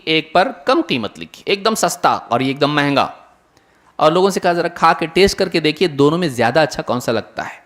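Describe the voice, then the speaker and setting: A man's voice: high voice, a bit bright. A man giving an earnest religious lecture to an audience, asking many rhetorical questions. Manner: earnest, rhetorical questions, mimics imagined listeners. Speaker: Islamic lecturer. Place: lecture hall.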